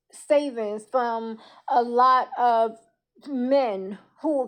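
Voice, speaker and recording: A woman speaks in a somewhat high voice with the soft, lisping slur of toothless speech. She is candid and emphatic, talking conversationally as she shares her opinion in a live social media video. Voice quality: toothless, slurred lisping articulation.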